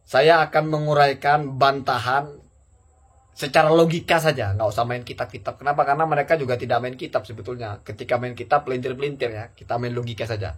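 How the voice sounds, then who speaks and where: A man's voice: mid-range voice, steady tone, fast talker. A man giving a casual spoken rebuttal, reasoning step by step and asking himself rhetorical questions. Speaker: commentator rebutting a preacher. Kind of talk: casual argumentative commentary.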